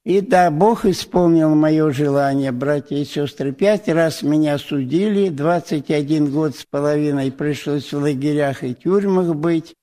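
An elderly man in his eighties speaks slowly to a church congregation, his voice a touch higher than most men's. He falters often, stopping to restart his words. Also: mellow. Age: 80s. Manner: halting, many restarts and hesitations. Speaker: presbyter. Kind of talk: testimony in church.

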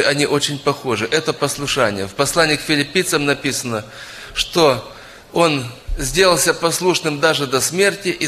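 A man's voice: on the high side, bright, forceful tone, slight background noise. A middle-aged man preaching a sermon, earnestly addressing the congregation as friends. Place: church hall. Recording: long hall reverb.

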